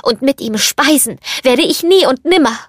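A woman's voice: high-pitched, expressive, normal speed, no echo, clean studio sound, voice pushed up. A woman voicing a proud, earnest young woman held captive, in a storybook reading.

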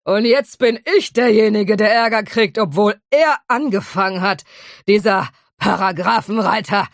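A woman voicing a drunk, boastful male dragon who is loud, drawn out and taunting in an audiobook. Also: on the high side, expressive, takes it slowly, no echo, clean studio sound, voice pushed up. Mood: rowdy, indignant.

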